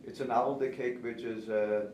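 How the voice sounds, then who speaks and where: A veteran pastry chef and cake instructor in his seventies, a native German speaker with an Austrian accent, chats through interview questions. His mid-range voice has a darkish tone, fairly even intonation and normal speed. The recording is distant, roomy and noisy.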